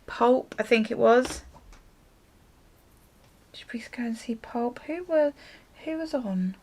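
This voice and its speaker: Speaking slowly with an animated, somewhat high voice and a darkish tone, a woman vlogger shares a casual story while getting ready. She rambles, interrupts herself, and chuckles as she goes.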